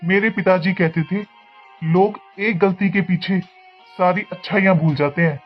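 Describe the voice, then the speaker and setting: A man playing a calm wise father-in-law. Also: high voice, unhurried, lo-fi sound, soft background music. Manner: calm, reasoning, gently lecturing.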